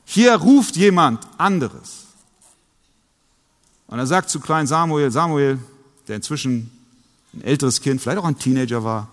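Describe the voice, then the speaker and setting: A man's voice: medium pitch, a little fast, in a large hall. A man preaching a sermon, retelling a story and acting out the voices of its figures.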